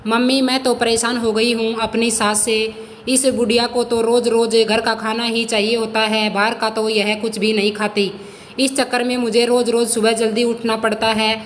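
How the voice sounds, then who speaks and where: A woman's voice: on the high side, flat delivery, moderate pace, long reverb tail, a little hiss or hum, lightly acted. A woman voicing a bitter, quarrelsome married daughter in a storybook reading, with a complaining, indignant manner.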